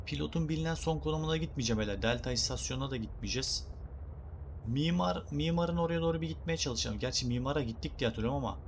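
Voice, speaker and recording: A man's voice: fairly high pitch, fast talker, creaky, a little hiss or hum. A young man casually commenting on his gameplay, joking, using slang and talking to viewers and creatures on screen. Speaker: gaming YouTuber. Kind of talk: casual let's play commentary.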